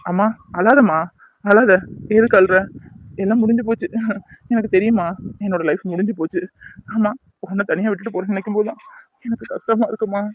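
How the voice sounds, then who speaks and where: A man's voice: high-pitched, fairly even intonation, fairly quick, long pauses, dry recording, narrow, tinny audio. A man voicing a dying young cartoon hero. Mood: pained. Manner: pained, pleading, resigned. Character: gravely injured young man, weak and pained. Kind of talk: cartoon voice acting.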